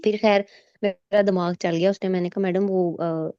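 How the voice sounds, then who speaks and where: A woman tells her story in lively casual speech, acting out what the examiners and she herself said. Her voice is mellow and darkish. The video call sounds dull, lo-fi and dry. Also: medium pitch, moderate pace, dry recording. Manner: animated retelling, quoting examiners and herself; mixes English medical terms into her talk. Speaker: exam candidate sharing her experience. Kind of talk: casual storytelling in a recorded meet.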